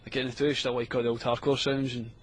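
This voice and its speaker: A man's voice: medium pitch, little pitch movement, fast, slight background noise. A Scottish man guesting in a radio studio, talking casually and easygoing, often agreeing with "aye". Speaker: music producer guest. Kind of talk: casual radio interview chat.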